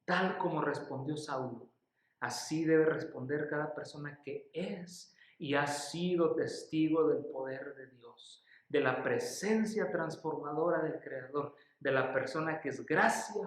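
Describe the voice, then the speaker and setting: Earnest Mexican preacher in echoey church. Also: male voice, fairly high pitch, slow. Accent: Mexican Spanish. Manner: earnest, pleading, repeats key phrases; calls listeners "querido" and "hermano". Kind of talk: sermon.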